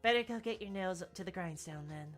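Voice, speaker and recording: A woman's voice: on the low side, a little fast, faint music behind, pitched above the performer's own voice, lightly acted. A woman voicing a rude, cocky veteran rival in game dialogue, brusque and condescending. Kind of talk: video game dialogue read aloud by a streamer.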